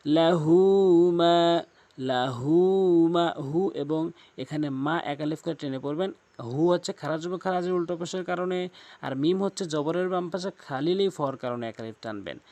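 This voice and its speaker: A man teaching correct recitation, giving quick explanations of common mistakes between slow, drawn-out recited words. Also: a little high, darkish tone, no echo. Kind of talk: tajweed lesson.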